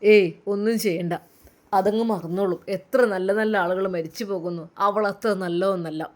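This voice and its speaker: A woman voicing a man who consoles a grieving friend in a low, brusque way. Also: steady tone, normal speed, lightly acted. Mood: consoling.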